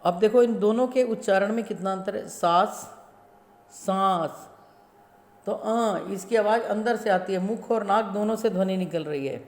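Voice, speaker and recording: A woman school teacher giving a grammar lesson to children, slowly spelling out sounds syllable by syllable. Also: medium pitch, darkish tone. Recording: echoey room with long reverb.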